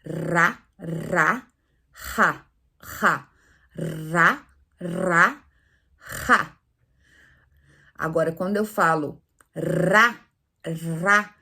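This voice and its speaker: A woman teaching Spanish pronunciation in Portuguese, lively, asking viewers questions and demonstrating sounds aloud. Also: mid-range voice. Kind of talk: online language lesson.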